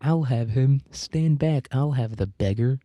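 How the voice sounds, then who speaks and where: Man voicing an excited young boy, shouting eagerly, raised pitch, dry sound. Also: measured pace, dry recording, close to an everyday voice. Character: excited eleven-year-old bush boy.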